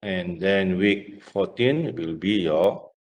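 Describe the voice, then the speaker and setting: A man lecturing a class and giving course announcements in a halting way, with frequent fillers. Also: deep voice.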